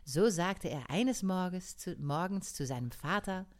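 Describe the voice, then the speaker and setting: A woman reading a story aloud to a live audience, slow and deliberate. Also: on the low side, lively intonation. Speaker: reader.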